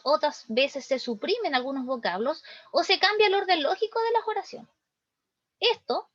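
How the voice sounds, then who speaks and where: A woman explains literary devices to her students in a high voice. She goes step by step and keeps checking that they follow. The recording is dull, dry and lo-fi. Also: a bit bright, no room sound. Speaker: teacher.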